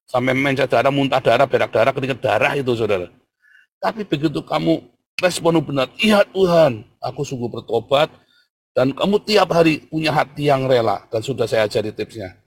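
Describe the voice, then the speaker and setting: A man preaching a sermon with fervour, swinging from low murmurs to loud excited bursts and calling his listeners brothers. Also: husky. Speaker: pastor.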